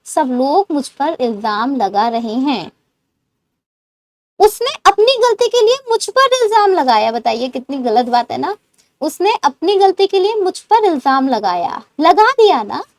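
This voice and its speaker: A woman teaching English words, explaining in Hindi and modelling slow English sentences for learners to repeat. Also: high voice, sing-song, no echo. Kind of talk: spoken English lesson.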